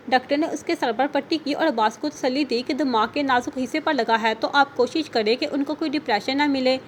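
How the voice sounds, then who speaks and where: A woman narrating an audio novel in a steady storytelling manner. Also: high-pitched, a little hiss or hum.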